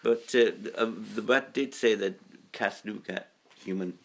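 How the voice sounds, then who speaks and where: A man's voice: on the low side, moderate pace, a bit bright. Hesitant man chatting casually. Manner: hesitant, many fillers and restarts. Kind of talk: casual chat.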